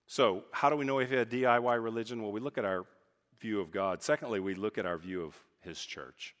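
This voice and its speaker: A man from Texas preaching a sermon as pastor, talking with emphatic swings from loud, high points to quiet, low asides. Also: fairly quick. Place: church sanctuary. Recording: reverberant church hall.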